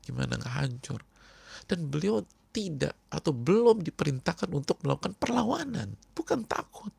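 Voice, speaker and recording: A man preaching a sermon to a congregation, speaking emphatically and repeating key words, often dropping to hushed tones. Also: on the high side, sing-song, normal speed, gravelly, husky. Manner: addresses the congregation directly. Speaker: Islamic preacher.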